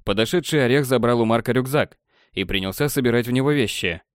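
A man narrating an audiobook in an even storytelling manner. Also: medium pitch, fast talker, clean tone, no echo, studio quality. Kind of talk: scripted narration.

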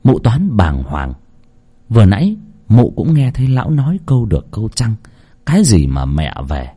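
A man's voice: on the low side, huge pitch swings, normal speed, warm tone, breathy edge. A man narrating a horror story in a dramatic, suspenseful way.

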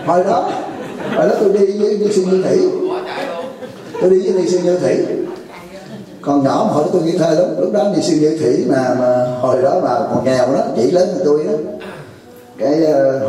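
A man's voice: a little high, brisk, dark tone. A man giving a Buddhist dharma talk, folksy and joking, often asking his listeners questions. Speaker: Buddhist teacher. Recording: echoey hall, voice from far off.

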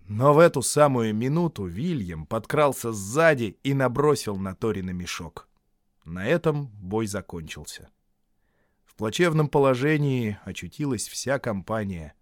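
Мужчина читает аудиокнигу размеренно, понижая голос в конце фраз. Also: male voice, mid-range voice, no echo, studio quality. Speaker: audiobook narrator. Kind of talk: scripted narration.

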